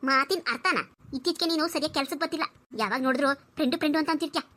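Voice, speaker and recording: [name], a woman voicing a sharp-tongued young wife. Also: high voice, very fast. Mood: accusing. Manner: scolding and sharp. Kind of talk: cartoon voice acting.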